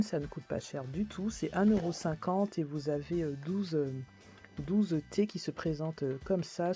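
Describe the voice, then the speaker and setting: A woman with a lowish, mellow voice talks casually through a shopping haul, full of hesitations and fillers. Soft music plays faintly behind her. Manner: chatty, many fillers and restarts; apologetic about her English pronunciation. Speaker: vlogger.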